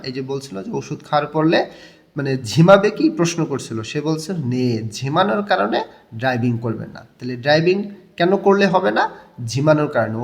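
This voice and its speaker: A man's voice: a little high, creaky. A young man with a Bangladeshi Bengali accent teaching a Korean textbook lesson, explaining step by step and repeating key words.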